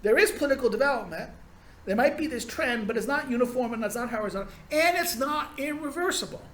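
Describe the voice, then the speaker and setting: A man's voice: extremely high pitch, animated, quick pace, fairly bright tone, echoey room, slight background noise. A male university lecturer giving a rambling, sardonic classroom lecture with frequent restarts.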